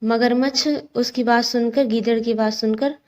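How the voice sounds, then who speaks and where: A woman's voice: on the high side, fairly even intonation, normal speed. A woman teacher reading a children's textbook story aloud, explaining hard words with simple ones and asking rhetorical questions.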